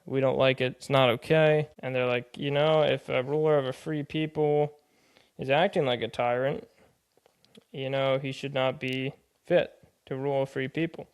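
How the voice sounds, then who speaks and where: A man's voice: medium pitch, fairly even intonation, normal speed, clean tone. A man hosting a podcast, reading aloud from a text and explaining it in a casual, conversational way, often paraphrasing loosely. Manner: plain-spoken, conversational, paraphrases with "hey" and "they're like". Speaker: podcast host.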